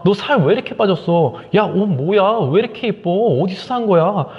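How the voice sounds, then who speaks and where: A man's voice: sits high, normal speed, big-room sound, dull audio, voice pushed up. A man mimicking a gushing young woman. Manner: excited, fussing, showering compliments.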